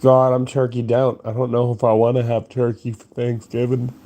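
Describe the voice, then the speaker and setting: A man's voice: mid-range voice, completely flat delivery, normal speed, warm tone. A sleepy young man rambling crudely through a late-night monologue, yawning and meandering. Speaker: streamer.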